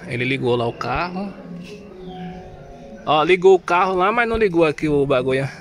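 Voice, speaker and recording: Music plays in the background as a man with a slightly high, animated voice talks at normal speed. With a Brazilian Portuguese accent, he chats in slang and thinks out loud while fitting a car sound system, recording on his phone from inside the car as he handles the wiring.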